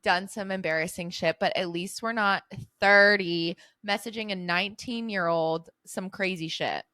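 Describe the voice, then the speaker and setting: A woman's voice: fairly low pitch, normal speed, pushed and bright, dry recording, clean studio sound. A young woman in her twenties co-hosting a podcast, chatting casually in a teasing, giggly way. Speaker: podcast co-host. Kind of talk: casual chat.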